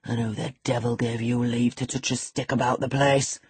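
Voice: mid-range voice, flat delivery, normal speed, slightly rough, no room sound. A narrator voicing a savage, brooding middle-aged master of a house, harsh, imperious and threatening, in an audiobook. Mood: stern, suspicious.

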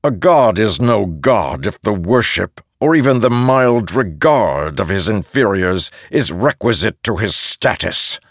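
A man's voice: fairly low pitch, sing-song, dry recording, clean studio sound, pitched above the performer's own voice, full character voice. A man voicing an ancient, haughty god-king. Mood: contemptuous. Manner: haughty, slow and commanding. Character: ancient arrogant male god-king, cold and imperious.

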